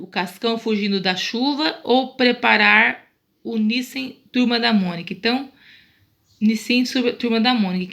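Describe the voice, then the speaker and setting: Bright-voiced Brazilian teacher woman. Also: fairly high pitch. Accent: Brazilian Portuguese. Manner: patient, repetitive explaining with frequent "né?" and "tá?" checks. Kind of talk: online Portuguese grammar lesson.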